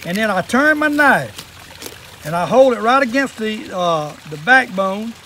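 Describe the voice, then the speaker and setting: An older Southern American man, 60s or above, with a notably high voice for a man, gives a casual hands-on demonstration of fishing and fish cleaning. He speaks in the folksy, plainspoken way of an old fisherman, sing-song, a little slow, pushed and bright. He's outdoors at a table in a wooded yard, with clear background noise around him.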